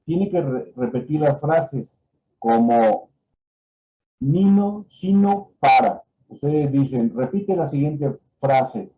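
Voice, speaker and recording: A man's voice: medium pitch, slow pace, highs cut off, slight background noise. Man lecturing medicine. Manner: explanatory, with frequent fillers and "¿no?" tags. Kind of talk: lecture on a neurological exam. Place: online class.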